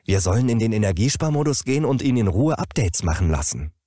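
Man voicing a worried talking fridge, urgent, earnest, a little raised, dark tone, dry sound. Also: lowish voice, very animated, fast, no echo, pitched above the performer's own voice. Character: anxious smart fridge, male, plotting.

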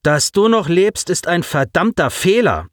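A man's voice: sits high, very animated, unhurried, no echo, studio quality, pitched above the performer's own voice. A man playing a blustering teenage bully. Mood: hostile. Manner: rude, blustering. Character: burly hostile teenage bully.

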